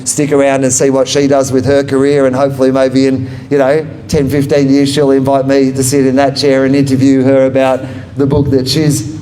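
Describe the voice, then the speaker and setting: The audio is poor, with slight background noise, as a man speaks in a brisk, mellow, monotone medium pitch. He's a comedian and author giving a live book talk with audience questions at a bookshop, using a handheld microphone, rambling, self-deprecating and laughing at his own jokes.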